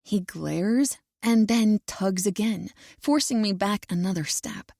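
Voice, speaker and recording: A woman narrating a first-person romance audiobook in an even, unhurried storytelling manner. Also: mid-range voice, gravelly, no room sound, studio quality.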